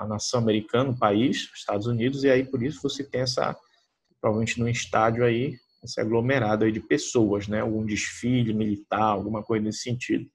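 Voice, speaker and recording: A Brazilian man teaching a school English class. He talks in a chatty way, fills his speech with little tag words, and slows right down to read English example sentences. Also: lowish voice, a little mellow, breathy edge. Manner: chatty, many fillers like "né" and "tá". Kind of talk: recorded school lesson.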